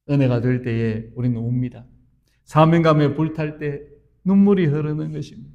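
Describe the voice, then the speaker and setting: A man's voice: high voice, darkish tone, dull audio. A pastor in his fifties preaching a sermon in an earnest, storytelling way that rises to fervent emphasis. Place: church sanctuary.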